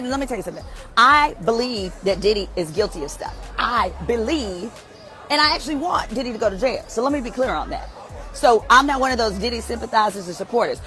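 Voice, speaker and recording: A woman's voice: fairly high pitch, a bit bright. A woman giving live vlog commentary outside a courtroom, emphatic and indignant, swearing freely. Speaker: trial commentator.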